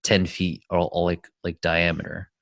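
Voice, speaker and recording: A man's voice: deep voice, monotone, moderate pace, creaky, a bit bright, no room sound. A man co-hosting a podcast, telling a story in casual chat, rambling with lots of "like" and swearing. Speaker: podcast co-host.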